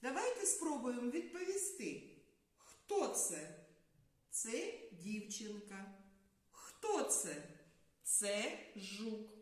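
A woman teaching small children, speaking slowly and in a lively sing-song voice that swings up and down. Her voice sits fairly high and she stretches out each word. The sound is very echoey, as if from a bare room. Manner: sing-song, drawn-out words with long pauses. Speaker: preschool teacher. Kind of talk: slow, clear lesson for small children.

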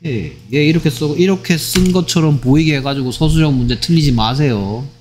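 A man teaching English grammar in a lively, teasing way, often checking whether students follow. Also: on the high side, fairly quick, slight background noise. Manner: acts out short skits in other voices. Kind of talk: online grammar lecture.

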